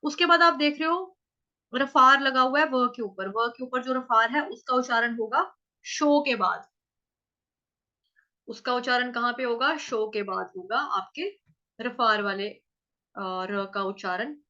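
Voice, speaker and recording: Slow, bright-voiced woman teaching recitation. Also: fairly high pitch, lo-fi sound. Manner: patient, drawn-out syllable-by-syllable demonstration. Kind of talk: online class teaching verse pronunciation.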